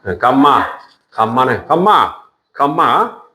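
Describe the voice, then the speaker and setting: A man teaching a class, patiently repeating each word and joking with students. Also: noisy background. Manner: slow, lively pitch, drawn-out repetitions. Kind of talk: classroom lesson.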